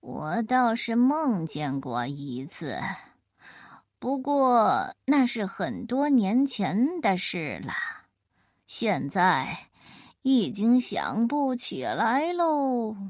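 A woman voicing a slow, forgetful old turtle in a storybook, drawling her words. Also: medium pitch, wildly swooping pitch, a little mellow, no room sound, studio quality, heavily acted. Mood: dreamy.

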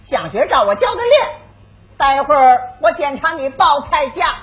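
A man's voice: extremely high pitch, sing-song, moderate pace, a bit bright, heavily acted. A man as a pompous bossy restaurant manager. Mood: boastful. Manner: bossy, teasing, showy. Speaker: comic sketch actor. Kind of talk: stage comedy sketch. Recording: dull lo-fi archive with faint noise.

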